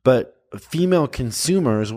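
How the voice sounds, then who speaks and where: A man's voice: mid-range voice, a little slow, dry recording. A man hosting a casual podcast chat, telling stories from his own work and acting out the customers in them. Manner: animated storyteller, acts out customer exchanges. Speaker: podcast host.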